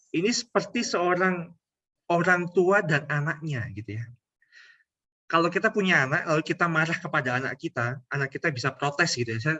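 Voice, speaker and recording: Husky, lively-voiced priest preaching. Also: male voice, on the high side, lo-fi sound. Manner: conversational, anecdotal and humorous, often addressing listeners directly. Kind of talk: homily to a congregation.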